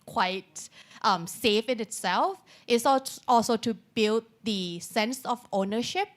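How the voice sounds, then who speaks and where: A woman on a panel answers off the cuff in English, which is not her first language. Her voice is fairly high, and she pauses often while searching for words.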